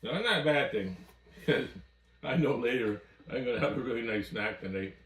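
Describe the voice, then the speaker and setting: Man, 60s, folksy vlogger, relaxed storytelling; recorded from a distance in a roomy cabin. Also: medium pitch, normal speed. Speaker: outdoors vlogger. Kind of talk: casual chat to camera. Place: small cabin by a wood stove, indoors. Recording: roomy sound from off-mic.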